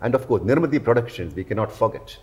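A man's voice: medium pitch, lively intonation, quick pace, darkish tone, husky. A man, hosting a promotional interview as a defense journalist, earnest with frequent "you know" fillers, recorded indoors in a living room. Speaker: host, aerospace and defense journalist.

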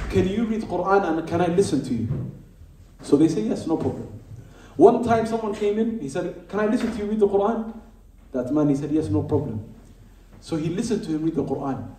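A man's voice: on the high side, warm tone, slight background noise. A man giving an Islamic lecture to a live audience, emphatic, repeating key phrases and asking rhetorical questions. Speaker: Islamic teacher. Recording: roomy hall, speaker far from the mic.

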